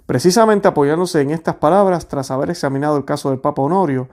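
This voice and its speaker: A man reading a history text aloud in a measured, steady way, then explaining it to his viewers. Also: a little high. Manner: steady, measured reading with small restarts on words.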